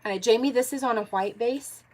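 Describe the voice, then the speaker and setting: This woman's voice is slightly high, at a normal pace, with a somewhat dark tone, and the audio is poor. She's streaming live from her home craft space, stuffy from allergies, musing out loud and replying to viewers by name in a relaxed way.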